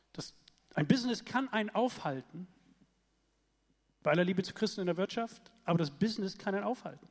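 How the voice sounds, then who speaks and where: A man preaching a sermon in a lively, conversational way, often checking in with his listeners. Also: on the high side, big-room sound.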